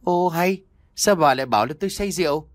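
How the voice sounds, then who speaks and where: A man's voice: on the high side, fast talker, no room sound, clean studio sound, voice pushed up, natural voice. A man voicing an elderly village head who talks in a hesitant, flustered way. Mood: indignant.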